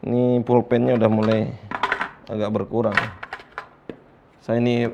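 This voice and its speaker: A man teaching Quran recitation to young learners, patiently explaining letter lengths and chanting the letters slowly for students to repeat. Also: medium pitch, little pitch movement, creaky, muffled recording, noisy background.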